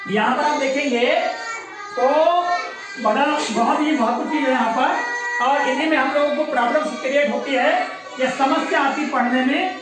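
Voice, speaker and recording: Woman teacher, high voice, drills children by repetition, distant echoey classroom sound. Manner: patient, repeats words and quizzes children. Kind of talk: classroom lesson.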